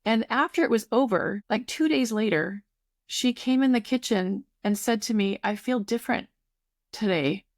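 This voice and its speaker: A woman's voice: a little high, moderate pace, no room sound, clean studio sound. A woman in her fifties who runs a tutoring program, talking effusively in a casual podcast conversation. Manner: warm, effusive, restarts sentences.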